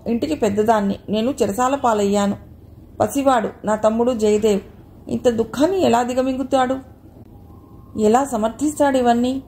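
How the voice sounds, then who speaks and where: Woman audio-novel narrator, emotive and dramatic, mellow tone, a touch high. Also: a little hiss or hum.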